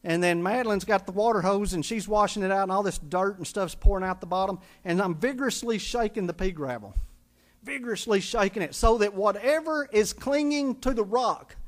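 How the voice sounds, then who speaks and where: High-voiced emphatic preacher man. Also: a little fast. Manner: emphatic, repetitive rhetorical questions. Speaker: pastor. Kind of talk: sermon.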